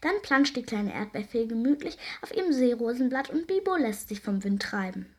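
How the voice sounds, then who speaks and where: A woman reading a children's story aloud in a gentle, lively way. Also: a little high, normal speed.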